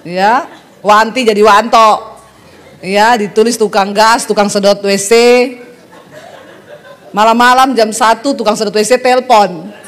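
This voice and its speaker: A middle-aged woman from Sulawesi preaching a humorous sermon, telling lively stories and laughing often. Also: mid-range voice, measured pace, pauses often. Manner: lively joking storyteller who laughs often.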